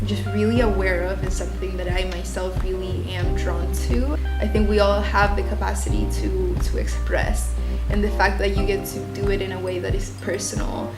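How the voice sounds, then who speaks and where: Guitar music plays clearly under a young Chilean woman's voice as it echoes around a roomy space. In her 20s and being interviewed as a student, she reflects on personal matters in an earnest, thoughtful way with a medium-pitched voice, sometimes pausing to find the right word.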